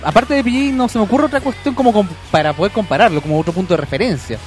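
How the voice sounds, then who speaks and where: A young man with a Chilean accent, co-hosting a casual radio music chat, relaxed and agreeable. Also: high voice. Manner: relaxed, agreeable, quick interjections. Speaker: radio co-host. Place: radio studio.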